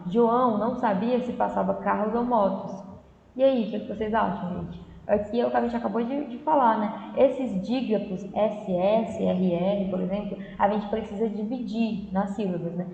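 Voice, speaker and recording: A woman's voice: medium pitch, normal speed, vocal fry, few pauses, mellow. A Brazilian woman teacher giving a lesson, explaining patiently and often checking in with her students. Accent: Brazilian Portuguese. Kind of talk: remote class lesson. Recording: echoey room, dull lo-fi audio, faint noise.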